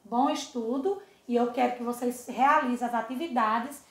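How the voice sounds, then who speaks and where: A woman teaching a remote lesson to young children, slow and repetitive, often checking they follow, and affectionate with her pupils. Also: fairly high pitch, echoey room. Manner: slow, drawn-out, repeats words and asks "tá vendo?". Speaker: primary school teacher.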